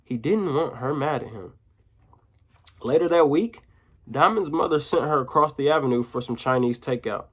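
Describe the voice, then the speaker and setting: A man reading a children's chapter book aloud in a mid-range voice, lively in places. He breaks off for relaxed, slangy comments to young listeners. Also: mid-range voice, a little fast, hardly any pauses, husky. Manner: casual, slangy asides to listeners. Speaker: teacher.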